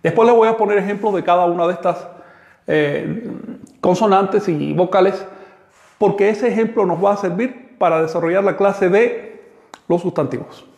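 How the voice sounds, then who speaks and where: A man. He talks slowly and patiently, spelling out sounds and repeating words one by one. The room around him is echoey. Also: high voice, gravelly, a little mellow. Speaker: teacher. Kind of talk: online language class.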